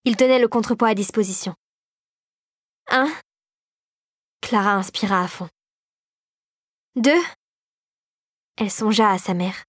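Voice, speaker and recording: A woman reading a storybook aloud in a measured, expressive way. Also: mid-range voice, no room sound, studio quality. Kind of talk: audiobook narration.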